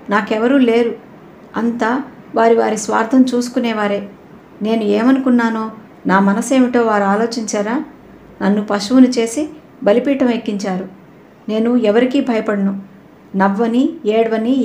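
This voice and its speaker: A woman's voice: a little high, steady tone, a little slow, pauses often, a little mellow, slight background noise, natural voice. A woman voicing an indignant young bride with an accusing manner, in an audio novel reading. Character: young bride, bitter and defiant. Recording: roomy echoey recording.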